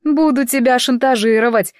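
A woman voicing a sharp-tongued former elf woman who mocks and gloats. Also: on the high side, lively intonation, a little slow, dry recording, clean studio sound, pitched above the performer's own voice. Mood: gloating. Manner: mocking, gloating.

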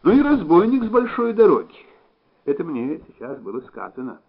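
A man's voice: on the high side, huge pitch swings, fairly quick, pitched above the performer's own voice, full character voice. A man doing a smug, jaunty old-school surgeon. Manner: jaunty, self-pleased. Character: self-satisfied male Soviet surgeon, sly and jovial. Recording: slightly dull recording.

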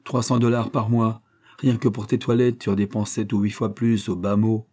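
A male narrator gives voice to a proud, domineering billionaire father in his middle years. His tone is low and dark, with forceful outbursts he struggles to rein in. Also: flat delivery, normal speed, close to an everyday voice. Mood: blustering.

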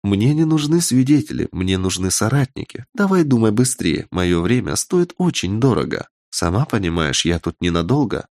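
Мужчина в роли властной коварной ведьмы. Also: male voice, lowish voice, very animated, moderate pace, few pauses, a little mellow, dry recording, clean studio sound. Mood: commanding. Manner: cold, commanding, menacing. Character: imperious ambitious adult witch woman.

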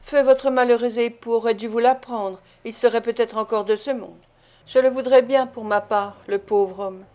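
A woman's voice: a little high, steady tone, normal speed, a little mellow, close to an everyday voice. A woman reading an audiobook, voicing a pompous, self-important man who plays the domineering husband in a blustering, lordly way. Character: pompous self-important male parish beadle.

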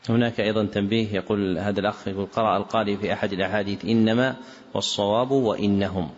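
A male scholar giving a lesson, reading out corrections to a text in a measured way and repeating page numbers for his students. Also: on the low side, fairly even intonation. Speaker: Islamic scholar teaching a book lesson. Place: lecture hall or mosque with loudspeakers. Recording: reverberant hall with faint ambient noise.

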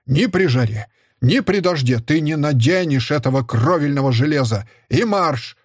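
A man voicing a stern, furious middle-aged father who is a historian, shouting with bitter scorn. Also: medium pitch, big pitch swings, normal speed, slightly rough, no room sound, studio quality.

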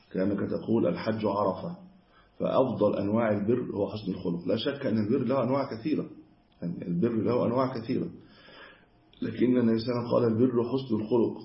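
A man giving a religious lesson on hadith, explaining in a measured way and correcting himself mid-word. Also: on the low side, gravelly. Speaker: Islamic scholar teaching hadith. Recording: echoey room, dull lo-fi sound.

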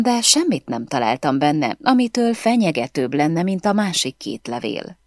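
A woman with a low voice reads a first-person novel aloud, her pitch rising and falling freely as she tells the story. The recording is close and dry, with no room echo. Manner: expressive, storytelling delivery. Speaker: audiobook narrator. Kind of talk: first-person audiobook narration.

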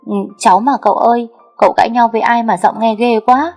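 A woman voicing a sweet, cheerful young niece in an audio story, talking lively and quick. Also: fairly high pitch, soft background music, voice pushed up.

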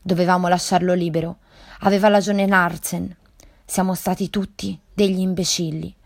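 A shaken cowboy speaks with grave regret, read by a woman. The voice sits low. The recording is dry and close. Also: level tone, moderate pace, vocal fry, dry recording. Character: shaken grim cowboy man.

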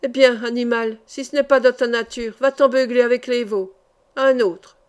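A woman's voice: fairly high pitch, moderate pace, natural voice. A woman reading an audiobook voices a bad-tempered, fat, middle-aged male singing teacher who barks and scolds. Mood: scolding. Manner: loud, barking, scolding.

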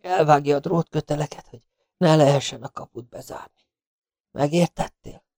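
A man's voice: fairly high pitch, a little mellow, no echo, clean studio sound, pitched above the performer's own voice, close to an everyday voice. A man voicing a badly wounded legionnaire who whispers weak, breathless last words. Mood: urgent whisper. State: dying, whispering.

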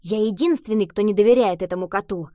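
A woman's voice: medium pitch, quick pace, mellow, no room sound, clean studio sound, lightly acted. A woman voicing a grumbling, distrustful boy in a children's audiobook. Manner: grumbling, suspicious.

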